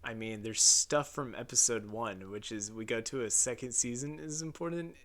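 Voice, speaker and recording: A man reads through his own video essay script in a raw, unedited take. His voice sits at an ordinary middle pitch. He keeps it casual and wry, swears now and then, and simply starts a sentence over when he flubs it. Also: moderate pace, a bit bright. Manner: casual, wry, swears, restarts flubbed lines.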